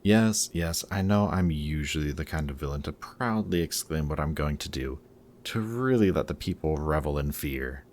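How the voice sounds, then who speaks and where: The guarded, boastful supervillain of this roleplay audio drama is voiced by a man with a bass voice, lively intonation and a slightly mellow tone at normal speed. Gruff and sardonic, he secretly cares but stumbles awkwardly whenever that shows. Some slight background noise is present.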